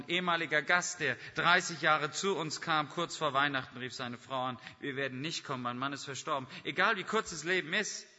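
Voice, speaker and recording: A man's voice: on the high side, bright, forceful tone. A man preaching a sermon, pressing his listeners with repeated rhetorical questions. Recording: long hall reverb, dull lo-fi sound.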